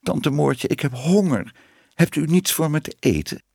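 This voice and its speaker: A man voicing a young female cat turned into a woman, speaking meekly and pleadingly, raised in pitch, in a storybook reading. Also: lively intonation, moderate pace, vocal fry, a little mellow, breathy edge, no echo, studio quality, exaggerated voice. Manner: meek and pleading.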